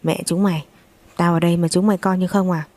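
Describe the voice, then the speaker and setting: A woman's voice: fairly even intonation, fast talker, a little mellow, dry recording, close to an everyday voice. A woman voicing a fierce, domineering older mother-in-law who scolds harshly in a story reading. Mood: scolding. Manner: scolding, shrill.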